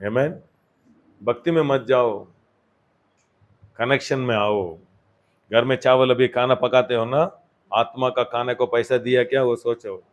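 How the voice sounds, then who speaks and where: A pastor giving a sermon in a church, mixing in English words and moving between loud exhortation and quiet asides. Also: male voice, medium pitch, fairly even intonation, unhurried, long pauses.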